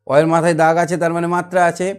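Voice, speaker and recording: A man's voice: on the high side, completely flat delivery, very fast, smooth. Sing-song male teacher coaxing small kids. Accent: Bengali (West Bengal). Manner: sing-song, coaxing, asks children to repeat. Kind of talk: children's reading lesson.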